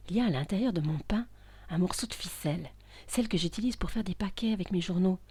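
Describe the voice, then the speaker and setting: A woman narrating a first-person story in a hushed, intimate voice that is often whispered, with tense outbursts. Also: on the low side, fast talker, breathy edge, no room sound.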